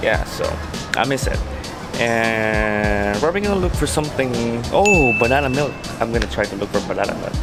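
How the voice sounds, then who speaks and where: A man with a Filipino accent chatting casually and softly as he vlogs at an airport, keeping low-key. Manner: soft, low-key talking to avoid attention. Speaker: vlogger. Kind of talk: casual mukbang vlog chat. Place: public airport. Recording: loud music over the voice.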